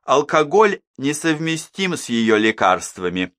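A man's voice: mid-range voice, big pitch swings, unhurried, a bit bright, no room sound, studio quality, pitched above the performer's own voice. Guy reading a strict old mom bossing everyone, audiobook. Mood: stern. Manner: stern, commanding. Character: stern old mother, matriarch of the family.

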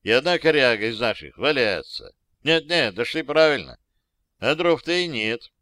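A man's voice: medium pitch, very animated, moderate pace, pushed and bright, no echo. A man reading a baffled young lieutenant. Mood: bewildered. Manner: bewildered and hesitant. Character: baffled young cavalry lieutenant, easily distracted. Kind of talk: audiobook character voice.

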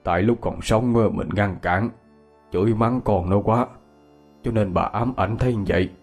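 Man doing a gruff, scolding old husband. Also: lowish voice, moderate pace, soft background music, natural voice. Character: stern older husband, scolding.

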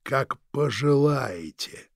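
A man's voice: medium pitch, lively intonation, gravelly, no echo, studio quality, full character voice. A man voicing a sinister, mocking male villain in an audiobook, stretching his words with sneering politeness. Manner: slow, drawn-out, sneering politeness. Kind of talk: audiobook reading.

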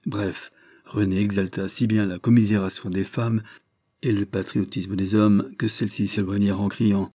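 A man narrating a historical adventure novel as an audiobook, measured and dramatic. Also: lowish voice, level tone, mellow. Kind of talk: scripted narration.

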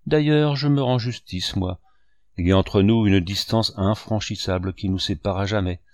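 A man's voice: lowish voice, moderate pace, darkish tone, no room sound, clean studio sound, natural voice. A man reading a novel aloud, voicing a heartbroken and bitter young male artist. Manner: emotional, bitter.

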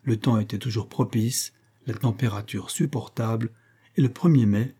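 A male audiobook narrator reads a classic novel in a measured, even storyteller's manner. His voice is mellow and warm, sitting at an ordinary mid pitch. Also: breathy edge. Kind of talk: scripted narration.

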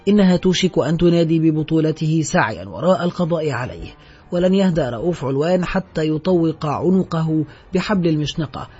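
A man's voice: on the high side, brisk, breathy edge. A man narrating a novel, voicing a hunted ex-convict who speaks with mocking self-assurance. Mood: angry. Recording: dull audio with soft background music.

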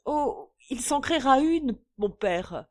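A woman voicing a young distressed daughter who confesses in tears, her voice raised high and pleading. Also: expressive, slow. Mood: startled.

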